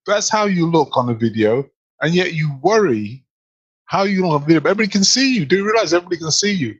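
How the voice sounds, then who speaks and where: A man co-hosting a podcast as a speaking coach, talking in an animated, emphatic way with lots of rhetorical questions. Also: fairly high pitch, fast talker, breathy edge, dull audio. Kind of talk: casual podcast chat.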